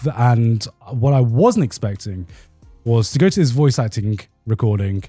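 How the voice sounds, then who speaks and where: A man chatting casually as he tells an anecdote, informal and quick to swear. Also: mid-range voice, lively intonation, mellow, no echo, soft background music. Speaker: show host who cast an anime. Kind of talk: casual chat, telling an anecdote.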